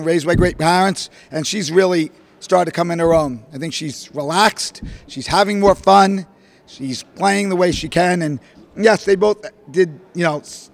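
With a creaky, fairly high voice, a middle-aged head basketball coach talks into a podium microphone in a press room, a logo backdrop behind him. It's a postgame press conference, and he rambles in animated bursts, restarting and circling back through his points with fillers.

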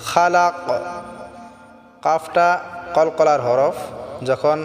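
A man giving a Quran pronunciation lesson, chanting verses slowly and melodically, then explaining quickly in between. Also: fairly high pitch, steady tone, big-room sound, soft background music. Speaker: Quran recitation teacher.

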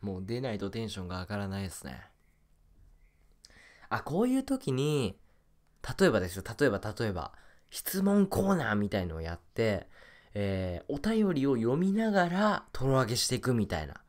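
A man's voice: medium pitch, wildly swooping pitch, normal speed. A young man chatting casually while playing a mobile game, muttering and repeating little phrases to himself. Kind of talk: casual rambling gameplay chat.

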